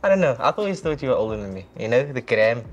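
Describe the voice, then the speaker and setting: A man's voice: mid-range voice, very animated, quick pace, dull audio. A man, flirting playfully on a dating show with a teasing, goofy manner. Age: 20s. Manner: teasing, goofy, laughs often. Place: indoor studio set with a green plant wall.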